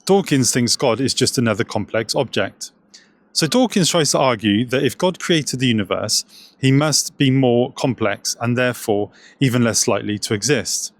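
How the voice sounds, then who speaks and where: A man's voice: medium pitch, animated, moderate pace. Sarcastic man giving scripted commentary. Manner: sarcastic, jokey.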